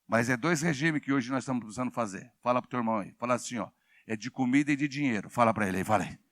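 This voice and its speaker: A man's voice: medium pitch, racing, no room sound, clean studio sound. A pastor in his sixties preaching a sermon, calling on the congregation to repeat his words aloud. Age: 60s. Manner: call-and-response preaching, shouting prompts to the congregation. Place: church hall.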